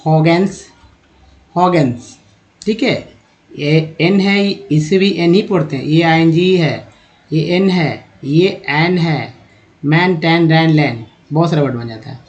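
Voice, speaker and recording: Man from India, English phonics teacher, slightly high voice, asks questions, explains step by step. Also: takes it slowly, lo-fi sound. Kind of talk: spoken phonics lesson.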